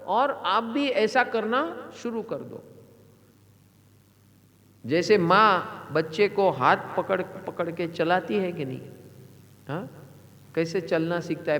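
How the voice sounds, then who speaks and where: High-voiced man preaching in an echoing hall. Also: fairly bright tone. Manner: repeats phrases and asks the audience questions; earnest, emphatic speaking. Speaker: spiritual teacher. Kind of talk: devotional sermon to a gathering. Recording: echoey hall reverb.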